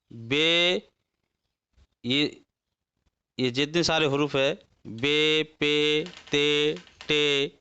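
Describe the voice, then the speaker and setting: A man's voice: on the high side, fairly bright tone, clean tone. A man teaching a lesson, reciting letters one by one and explaining them patiently. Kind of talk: slow alphabet lesson.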